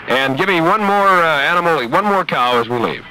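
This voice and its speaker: A man's voice: a little high, expressive, moderate pace, bright, forceful tone, slight background noise, voice pushed up, heavily acted. A man putting on a chipper, overly polite prize-caller for a prank phone call bit, coaxing a caller.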